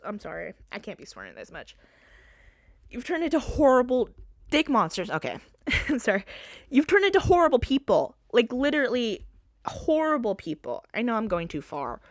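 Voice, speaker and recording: Female podcast host, young, animated and profane, close dry mic. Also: a little high, no room sound. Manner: animated, swears freely, laughs and trails off mid-thought. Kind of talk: casual solo podcast rant.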